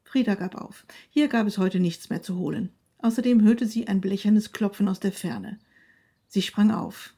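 A woman reading a story aloud in a calm, even narrating voice. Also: mid-range voice, moderate pace, vocal fry, husky.

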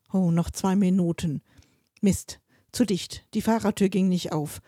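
A woman narrates a short story in a steady, mid-pitched voice, slowing and speeding to follow the tension. The recording is dry and close, with no room sound. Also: dry recording. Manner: expressive, shifting pace with the tension. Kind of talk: storytelling reading.

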